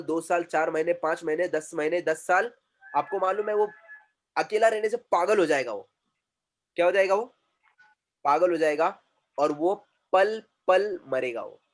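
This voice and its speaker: A male communication trainer, lecturing a class and often repeating himself and quizzing students. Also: high-pitched.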